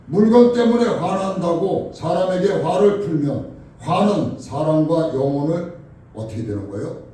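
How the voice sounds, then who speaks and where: A man preaching a sermon. He asks the congregation questions and acts out shouted quarrels. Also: a little high, animated, normal speed. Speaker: pastor. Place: church sanctuary. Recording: echoey church hall from far off.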